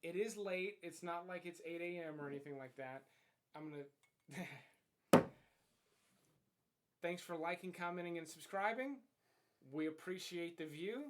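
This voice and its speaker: A man's voice: a little high, a little slow, long pauses, slight background noise. A man hosting a casual movie review, talking bluntly and swearing freely as he comments on the film. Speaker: host of a movie review show.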